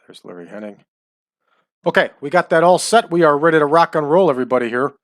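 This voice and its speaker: A man's voice: on the high side, expressive, fast talker, no echo. A man in his forties giving chatty, rambling commentary while playing a wrestling management game. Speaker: let's-play host.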